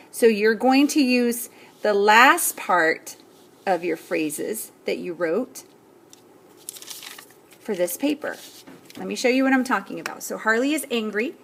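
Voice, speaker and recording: Slow, patient woman teaching a lesson. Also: medium pitch. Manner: patient, step-by-step explaining with frequent "okay?" checks. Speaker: Spanish teacher. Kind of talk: recorded classroom lesson.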